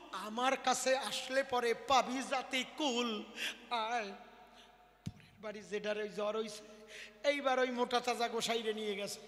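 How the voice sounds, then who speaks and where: Hoarse high-voiced rural folk preacher man. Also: a bit bright, in a large hall. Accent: rural Bengali dialect. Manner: drawn-out, swelling sung calls. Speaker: kobigaan singer-preacher. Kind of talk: folk devotional storytelling sermon. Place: outdoor folk gathering.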